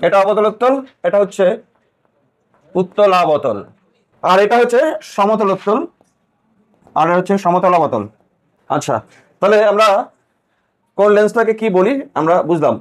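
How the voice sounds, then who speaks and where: Physics teacher, male, high voice, lecturing and quizzing the class. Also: expressive, normal speed, pauses often. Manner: questioning, repeats key points to students.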